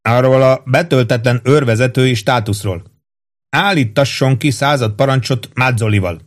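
A man's voice: mid-range voice, voice pushed up, close to an everyday voice. A man reading an audiobook, voicing a pompous, fussy middle-aged army captain with a raised, insistent, self-satisfied voice. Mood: bossy.

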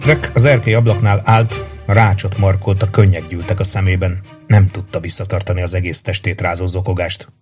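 A man narrating an audiobook in a measured, dramatic reading voice. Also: low-pitched, fairly even intonation, over music.

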